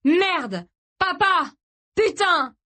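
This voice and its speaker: Woman voicing a frantic, shouting young man. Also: extremely high pitch, big pitch swings, extremely slow, pitched above the performer's own voice, heavily acted. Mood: panicked shouting. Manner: shouting desperately, sobbing pleas. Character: frantic young man, son losing his father.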